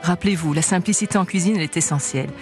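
A woman's voice: lowish voice, rapid-fire. A woman food columnist chatting on the radio, playful and theatrical, laughing often and slipping into a mock Italian accent. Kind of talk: lively radio chat with an acted recipe. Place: radio studio. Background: soft background music.

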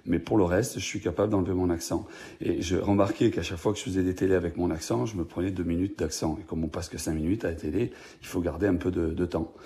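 A journalist guest with a Marseille accent talks in a very low, gravelly voice. He hesitates and restarts his sentences often as he answers. His tone is dark and mellow. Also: fairly even intonation, quick pace. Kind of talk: radio interview answers.

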